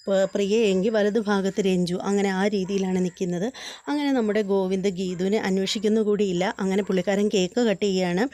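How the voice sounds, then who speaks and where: A woman's voice: medium pitch, warm tone, no room sound. A woman casually retelling the scenes of a TV serial, quoting the characters, with many fillers and restarts. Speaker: serial recap narrator. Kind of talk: casual storytelling recap of a TV serial.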